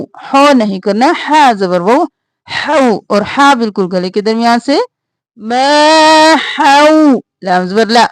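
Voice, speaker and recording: A high-voiced woman gives a tajweed lesson, trading slow, drawn-out, melodic Quran recitation for brisk spoken instructions and quick explanations. The recording is dry.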